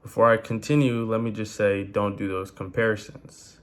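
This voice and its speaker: Casual young man with a low voice. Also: moderate pace. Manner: rambling, filler-heavy, slangy, animated. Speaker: vlogger. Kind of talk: casual talk to camera.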